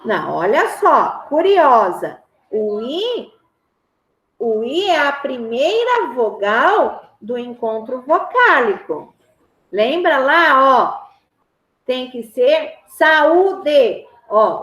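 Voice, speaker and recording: Brazilian female schoolteacher, unhurried and patient, roomy sound. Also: high voice, fairly bright tone. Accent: Brazilian Portuguese. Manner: patient, repeats and checks understanding. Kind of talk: grammar lesson to a class. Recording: roomy echo.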